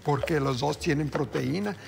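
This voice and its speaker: In a TV studio kitchen, a middle-aged chef host gives a live cooking demonstration, his slightly high, creaky voice moving at a moderate pace. He chats upbeat with viewers, whom he calls family, as he explains the recipe, with background music and noise behind him.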